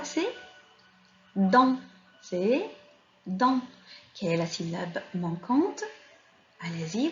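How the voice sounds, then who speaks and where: Slow, patient woman teaching children to read. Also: medium pitch. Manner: slow, patient, spelling out syllables. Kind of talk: reading lesson for children. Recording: slightly dull sound with faint music.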